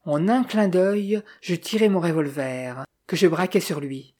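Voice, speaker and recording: A woman narrating a first-person detective novel in a measured, even storytelling voice. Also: lowish voice. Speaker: audiobook reader.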